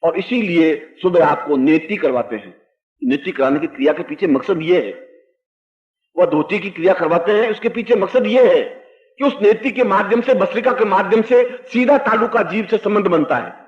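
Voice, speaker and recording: An older man giving a spiritual discourse, explaining slowly and emphatically and chanting Sanskrit verses, recorded in a dull, echoey old hall. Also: high voice. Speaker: spiritual teacher.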